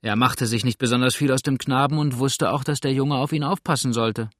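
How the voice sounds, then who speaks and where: A man's voice: medium pitch, a little fast, a bit bright, dry recording, clean studio sound, pitched above the performer's own voice, lightly acted. A man reading aloud as a grumbling, blunt old male boatswain in a storybook. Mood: gruff.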